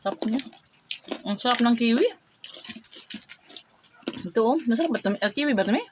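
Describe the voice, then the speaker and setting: A woman's voice: fairly high pitch, expressive, normal speed, noisy background. A Filipino woman chatting casually as a vlogger, speaking with missing front teeth. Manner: talks while chewing and tasting. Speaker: vlogger hosting a mukbang. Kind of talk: casual vlog chat.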